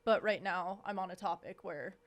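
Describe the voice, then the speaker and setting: A woman in her twenties co-hosting a podcast, chatting casually in a blunt, profane and animated way. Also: on the low side, moderate pace. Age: 20s. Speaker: podcast co-host. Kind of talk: casual chat.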